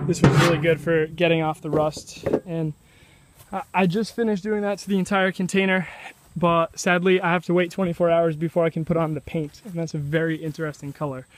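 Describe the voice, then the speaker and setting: Young male DIY vlogger, pitch a touch high, easygoing and rambling with restarts, recorded outdoors with faint insect noise. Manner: relaxed and chatty, with halting restarts. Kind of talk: casual self-filmed video diary. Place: outdoors at a rural building site.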